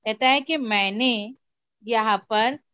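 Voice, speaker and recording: A woman teacher takes a class through a story, slow and patient, going over each word again. Her voice sits a little high. The sound is dry and muffled, like a lo-fi recording. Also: bright, forceful tone, smooth, no echo. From India. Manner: slow, patient explaining, mixing Urdu with English and repeating words. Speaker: school teacher. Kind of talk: classroom lesson explaining a story.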